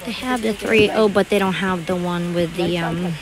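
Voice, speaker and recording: A woman's voice: lowish voice, steady tone, normal speed, a crowd in the background, rough recording. A woman vlogging as she shops in a large store, chatting to her viewers in a rambling, casual way. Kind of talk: casual chat while shopping.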